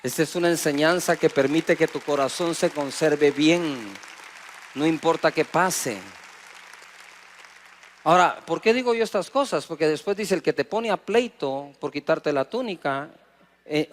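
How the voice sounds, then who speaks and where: A middle-aged man with a Guatemalan Spanish accent preaches a sermon as a pastor, his voice on the high side and his pace moderate. He preaches lively, acting out little dialogues and calling on the congregation to answer, with a faint crowd audible.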